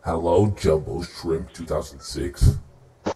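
A man talking through a deep pitch-shifting voice changer in casual gaming voice chat, with a taunting, slangy, mock-menacing manner. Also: fairly even intonation, a little slow, mellow, slight background noise, low-quality recording. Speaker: gamer trolling strangers in voice chat.

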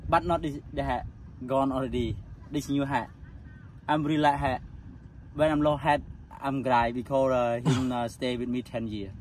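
A man's voice: mid-range voice, steady tone, normal speed. Cambodian man in broken English, faint traffic behind. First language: Khmer. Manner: broken English, laughs often, acts out quoted voices. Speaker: tuk-tuk driver. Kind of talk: casual storytelling interview.

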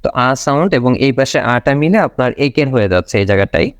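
A man teaching English pronunciation in an online class. He says each word slowly and repeats it several times. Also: mid-range voice, lively intonation, no echo.

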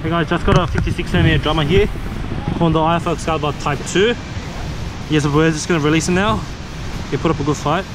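A man's voice: fairly high pitch, fast talker, long pauses, noisy background. A young man vlogging from a seaside rock ledge with an action camera, talking casually about his catch and his fishing gear with lots of fillers. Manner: relaxed, filler-heavy, says "pretty much" often. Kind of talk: casual outdoor vlog with gear talk. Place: rock ledge by the sea, outdoors. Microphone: head or chest-mounted action camera.

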